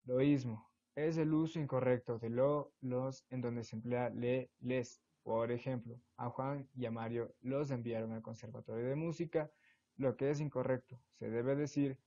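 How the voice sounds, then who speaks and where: Mellow-voiced man reading definitions. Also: medium pitch, steady tone, normal speed. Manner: reads definitions and examples evenly. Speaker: student presenter. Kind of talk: reading a school presentation. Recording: dull lo-fi recording.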